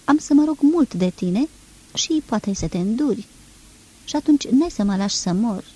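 A woman's voice: on the high side, lively intonation, dark tone, slightly rough, rough recording. Woman voicing a trembling young lover. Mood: fearful.

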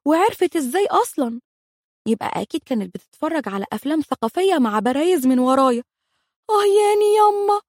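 A woman's voice: sits high, big pitch swings, fast talker, darkish tone, dry recording, studio quality. A woman with an Egyptian Arabic accent, a mother of three telling comic stories with dramatic, self-mocking exaggeration. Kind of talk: comic storytelling.

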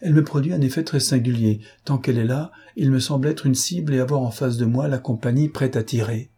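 A man's voice: medium pitch, fairly quick, warm tone, slightly rough, voice pushed up, lightly acted. A man voicing a flustered, impulsive young man who speaks eagerly and ruefully, in an audiobook.

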